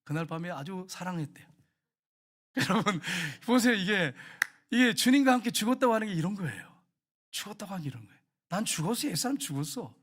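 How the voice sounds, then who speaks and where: A middle-aged male pastor preaching a sermon, telling stories in a lively, colloquial way and speaking straight to his congregation. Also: high-pitched, brisk. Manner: lively storytelling, acting out everyday scenes; colloquial, talks directly to the congregation.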